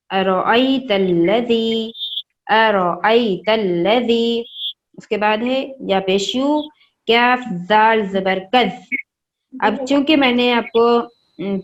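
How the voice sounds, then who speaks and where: Woman Quran teacher; slow and patient, repeats each sound for kids; muffled lo-fi online call. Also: mid-range voice. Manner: patient, repeats and spells out sounds slowly, asks the children questions. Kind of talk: online class teaching Quran recitation to children. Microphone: online class, own mic.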